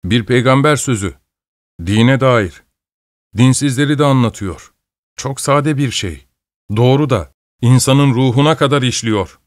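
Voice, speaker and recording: A man's voice: mid-range voice, measured pace, no echo, studio quality, natural voice. A man voicing a sly, cocky young male laborer who teases his friend in an audiobook. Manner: cocky, teasing.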